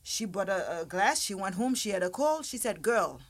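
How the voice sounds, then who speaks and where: A woman from Haiti chats as a guest about her restaurant, easygoing and talkative. She often restarts and repeats words mid-sentence. Her voice sits at an ordinary middle pitch. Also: big pitch swings, moderate pace. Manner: chatty, repeats words, tells little stories. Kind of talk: casual interview chat.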